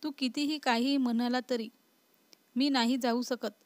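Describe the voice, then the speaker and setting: स्त्री निवेदिकेने वाचलेली हट्टी, उलट उत्तर देणारी तरुण पत्नी, किंचित उंच आवाज. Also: female voice, fairly high pitch, steady tone, moderate pace, dry recording, close to an everyday voice. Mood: defiant. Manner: defiant, retorting. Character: stubborn, spirited young wife. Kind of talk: storybook reading.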